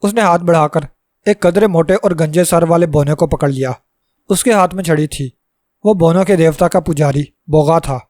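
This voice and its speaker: A male storyteller reading a fantasy tale in a steady, dramatic way. His voice is fairly high, and the recording is dry and close, with no room echo. The pace stays even throughout the reading. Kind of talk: storybook narration.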